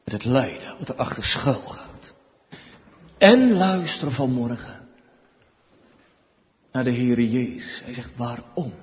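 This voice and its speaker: Slow, lively-pitched preacher in echoing church. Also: male voice. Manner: slow, emphatic preaching with big swings between hushed and loud. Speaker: pastor. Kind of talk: sermon. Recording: dull sound with long church reverb.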